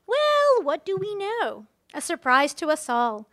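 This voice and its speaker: A woman's voice: very high voice, huge pitch swings, unhurried, fairly bright tone. A woman giving a wedding speech to guests, partly reading a rhyming storybook in a playful, theatrical way. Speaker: wedding speech giver, friend of the bride. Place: live in front of wedding guests.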